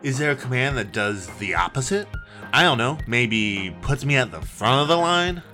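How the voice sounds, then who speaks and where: A man's voice: medium pitch, very animated, moderate pace, bright, forceful tone, soft background music. A man playing an incredulous caller losing patience with an automated phone line. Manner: exasperated, incredulous. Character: frustrated caller stuck on hold, man.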